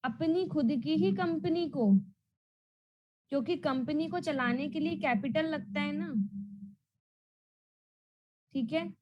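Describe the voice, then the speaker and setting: A woman teaching an online class, loudly and emphatically and repeating questions so students answer back. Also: sits high, takes it slowly, long pauses, dull audio. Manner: repetitive question-and-answer drilling; loud and emphatic.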